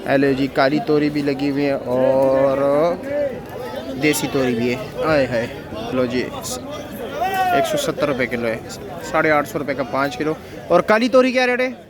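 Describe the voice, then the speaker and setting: A man's voice: mid-range voice, a little slow. A man with a Pakistani accent vlogging market prices, questioning vendors and repeating figures. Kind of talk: spoken market vlog with short vendor exchanges. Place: outdoor wholesale vegetable market. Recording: busy outdoor market crowd and birds. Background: crowd chatter, birdsong.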